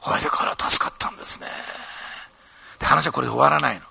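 A man preaching a sermon, telling a story in an animated way and tagging his phrases with "ne". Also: medium pitch, fast, gravelly, breathy edge, no room sound, in a whisper. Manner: animated storytelling, frequent ね tags. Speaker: pastor.

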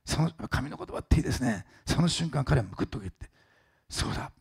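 A male pastor telling a story in a sermon, with a deeply gravelly, husky voice. His pitch swings widely as he dramatizes, animated and expressive. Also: fast talker.

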